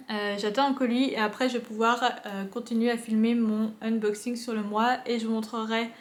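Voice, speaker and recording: A woman's voice: mid-range voice, roomy sound. A young woman chatting casually in a vlog from her couch at home, with lots of fillers and restarts. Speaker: book vlogger. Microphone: camera on a tripod.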